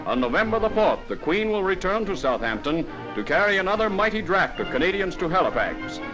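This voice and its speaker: A man reading scripted narration for an old newsreel in a brisk, formal announcing manner. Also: sits high, big pitch swings. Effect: old newsreel sound. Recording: dull lo-fi 1940s newsreel soundtrack with music.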